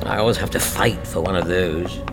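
An actor playing a wry, eccentric, stubborn adventurer in an audio drama, theatrical and sardonic. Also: male voice, low voice, fairly even intonation, brisk, creaky, over music. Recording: long echoing reverb.

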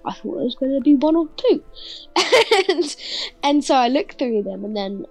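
A woman's voice: high-pitched, lively intonation, fairly quick, mellow, soft background music. A young woman, an actor, chatting casually in an interview. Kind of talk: casual chat.

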